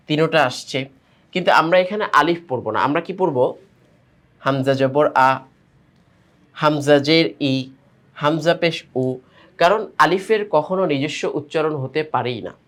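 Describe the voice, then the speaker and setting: A man teaching Quran reading, explaining pronunciation rules and then drilling syllables slowly and clearly, one by one. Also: a little high. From Bangladesh. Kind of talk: step-by-step recitation lesson.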